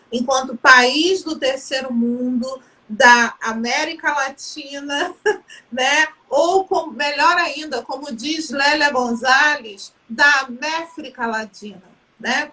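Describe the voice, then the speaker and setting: A woman professor with a Brazilian Portuguese accent, speaking in a measured, academic way during a live online discussion, often adding "né?". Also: high voice, bright, forceful tone, recorded from a distance, low-quality recording. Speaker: guest professor.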